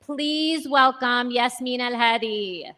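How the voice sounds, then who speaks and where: A woman leading a charity, giving an earnest, measured welcome speech at a gala, thanking supporters and listing guests. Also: on the high side, very noisy. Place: large gala ballroom. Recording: long hall reverb.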